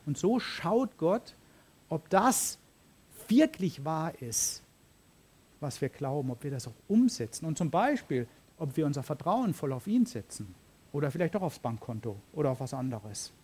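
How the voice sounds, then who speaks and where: A man's voice: on the high side, big pitch swings, normal speed, darkish tone, slightly rough. A man preaching a sermon in an informal, conversational way, often dropping in fillers and asking his listeners questions. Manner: conversational, frequent "ja" and "ähm" fillers.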